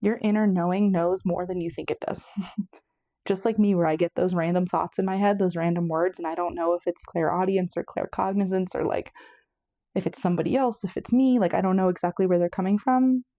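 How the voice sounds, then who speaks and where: In a clean, room-free studio recording, a woman with a fairly low, dark voice does a casual pick-a-card tarot reading a little fast and with fairly even intonation. She rambles chattily, corrects herself along the way, and sounds slightly winded.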